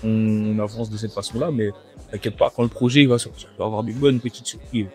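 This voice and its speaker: Speaking fast in a fairly low, steady voice, a young man from France, a rapper, is interviewed casually over a restaurant meal. He comes across as laid-back, leans on slang and repeats himself, with music playing behind the conversation.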